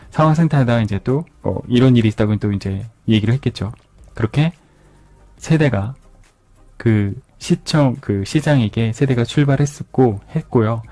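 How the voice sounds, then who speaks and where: A man calmly retelling a crime novel for an ASMR book review, often repeating phrases for effect. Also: mid-range voice, no room sound. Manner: calm storytelling with repeated phrases. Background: soft background music.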